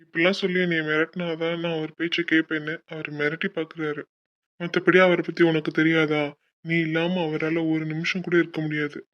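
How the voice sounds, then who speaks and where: A woman's voice: deep voice, level tone, a little fast, dull audio, natural voice. A woman voicing a good-natured young man in love, teasing and easygoing, in a cartoon. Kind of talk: cartoon voice acting.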